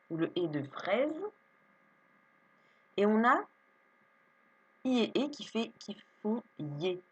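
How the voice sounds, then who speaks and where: A woman teaches young children to read, drawing out each syllable slowly and patiently. Her voice sits low and a little husky, but it rises and falls a great deal as she stresses sounds. A faint electrical hum runs underneath. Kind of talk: reading lesson for young children.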